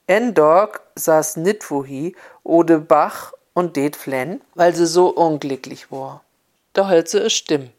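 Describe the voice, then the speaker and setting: Woman storyteller with an Upper Hessian accent, unhurried folk-tale delivery. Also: fairly low pitch, darkish tone. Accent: Upper Hessian dialect. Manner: slow, homely storytelling in dialect. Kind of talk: fairy tale narration.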